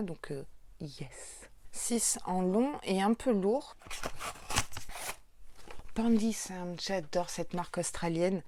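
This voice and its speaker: A woman's voice: fairly low pitch, darkish tone, no echo. Bubbly French-accented woman vlogger. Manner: bubbly, gushing, with many fillers. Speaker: beauty youtuber. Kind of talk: casual unboxing chat.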